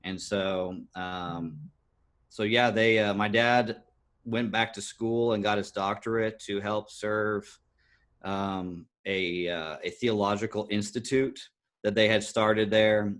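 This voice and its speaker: Earnest low-voiced man telling his story. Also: fairly even intonation, a bit bright. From United States. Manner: earnest, halting with many fillers and restarts. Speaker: podcast guest. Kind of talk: personal storytelling interview.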